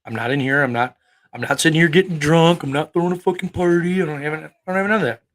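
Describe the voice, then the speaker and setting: Fast and fairly high-pitched, a man in his thirties preaches on a livestream while arguing with chat, using profanity, combative jabs, and rhetorical questions.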